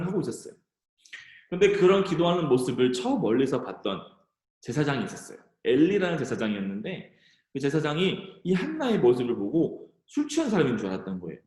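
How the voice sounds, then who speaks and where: Animated male youth preacher in echoey hall. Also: a little high. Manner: animated storytelling, addressing teens directly. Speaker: youth pastor. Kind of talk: youth sermon. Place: church.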